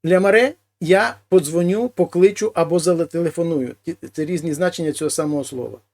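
Higher-voiced male language teacher. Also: a little mellow. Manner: reads each Spanish phrase, then translates it slowly and explains. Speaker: Spanish teacher. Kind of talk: language lesson.

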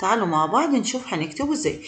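A woman with an Egyptian Arabic accent teaching beginner English. She speaks patiently and repeats each word slowly for learners. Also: medium pitch, very animated, a bit bright, roomy sound. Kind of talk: beginner language lesson.

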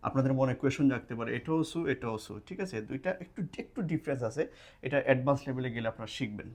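A man's voice: medium pitch, very fast, darkish tone. A man teaching casually at a board, explaining step by step and checking in often with his listeners. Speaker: language teacher. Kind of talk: casual spoken lesson at a board. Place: indoors, classroom or study room at a board. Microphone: camera mic while writing on a board.

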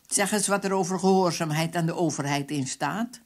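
A woman's voice: lowish voice, fairly quick. A woman voicing a brutal male police captain who barks threats and orders. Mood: menacing. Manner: harsh, barking threats.

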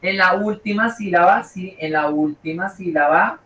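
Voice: medium pitch, normal speed, a bit bright, roomy sound, far from the mic, poor audio. A teacher giving an online class, repeating each point and checking in with the students again and again. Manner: repeats and checks with "¿cierto?" and "¿listo?".

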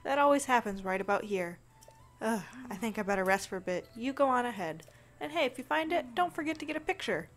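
A woman's voice: on the high side, lively intonation, fairly quick. A woman voicing an elderly male traveling artist who is cheerful and chatty, with a friendly, eager storytelling tone. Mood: weary.

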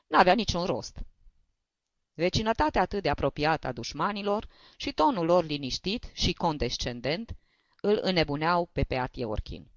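A woman with a fairly low voice narrates a story for an audiobook, measured but lively in pitch. The recording is dry and slightly dull, with a lo-fi edge. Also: dry recording.

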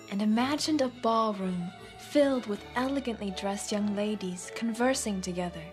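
An actress voicing a young nun's gentle, reflective voice-over narration in a film. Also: female voice, a little high, close to an everyday voice. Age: young adult. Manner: soft, reflective, measured. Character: young nun recalling her life, gentle and devout.

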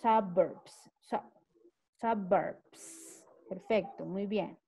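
A woman's voice: fairly high pitch, lively intonation, slow, a little mellow, low-quality recording. A woman whose first language is Spanish, teaching English in an online class over a video call. She talks with a Spanish accent, switches between English and Spanish and keeps checking with "okay?". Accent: Spanish-speaking.

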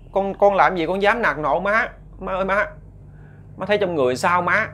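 A man's voice: mid-range voice, slight background noise. A young man with a Southern Vietnamese accent narrating a ghost story, chatty and speaking straight to his listeners. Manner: chatty, addresses listeners directly. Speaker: storyteller host.

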